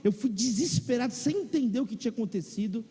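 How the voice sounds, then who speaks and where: Animated Brazilian pastor in a reverberant hall. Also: male voice, very high voice, fast, breathy edge. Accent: Brazilian Portuguese. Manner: animated, comic storytelling to a congregation. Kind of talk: sermon with humorous personal anecdote. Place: large church or auditorium. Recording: long reverb of a large hall.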